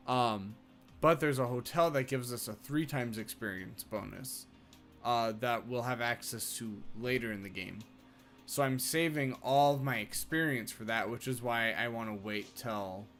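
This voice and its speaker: A man's voice: mid-range voice, fairly bright tone. A man giving casual late-night commentary while playing a video game, rambling and often restarting his sentences. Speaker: game streamer.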